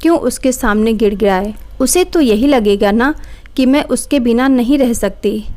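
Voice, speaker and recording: A woman's voice: a little high, a little slow, a little mellow, lightly acted. A woman voicing a proud, angry young wife who talks sharply and defiantly.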